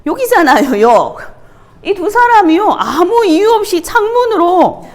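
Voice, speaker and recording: A woman gives a children's sermon as a Sunday school teacher. Her voice sits high and leaps around expressively. She tells stories with animation and keeps firing questions at the kids. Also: a little slow. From Gyeongsang region of South Korea. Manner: animated storytelling, quizzing the children.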